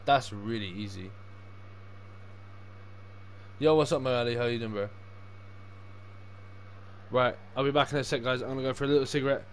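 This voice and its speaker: A young livestreaming gamer speaks at a moderate pace in a medium pitch, pausing often. He keeps it casual, cursing and throwing in plenty of matey slang over clear background noise.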